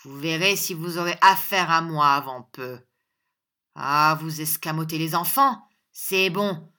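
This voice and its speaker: A woman voicing a scheming older male schoolmaster who shouts, sneers and threatens in a storybook reading. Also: deep voice, unhurried. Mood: menacing.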